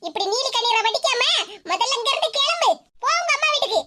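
A harsh, stubborn cartoon mother-in-law, voiced by a woman, snaps in a very high, bright and piercing voice. She speaks quickly with a Tirunelveli Tamil accent. A faint hiss sits behind her. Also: expressive, full character voice. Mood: angry. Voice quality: shrill, fast and scolding. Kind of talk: cartoon voice acting.

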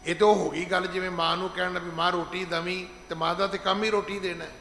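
Middle-aged man as head preacher, emphatic and high-voiced, recorded in a reverberant hall with faint background ambience. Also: fairly even intonation, fairly bright tone, slight background noise. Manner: emphatic, slows down to stress scripture, acts out quoted speech. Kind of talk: gurdwara sermon. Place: large gurdwara hall.

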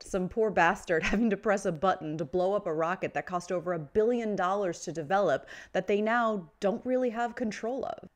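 A woman in her thirties presents news commentary in a slightly low voice. She mixes scripted reporting with casual asides, speaking close to the mic in a furnished room. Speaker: host, space news commentator. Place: small furnished room with bookshelves, indoors. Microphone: desk microphone close in front.

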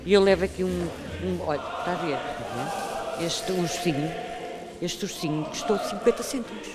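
A woman's voice: on the low side, normal speed. A woman in her sixties with a European Portuguese accent, a shopper chatting plainly in a street interview at a charity fair. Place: large indoor hall with clothing stalls. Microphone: handheld reporter mic.

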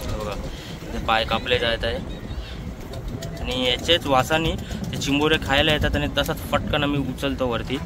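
Speaking at medium pitch and normal speed, a man with a Mumbai accent narrates a casual vlog, pointing things out to viewers again and again. He's outdoors on a small open boat on a creek, holding his phone. The boat recording is noisy.

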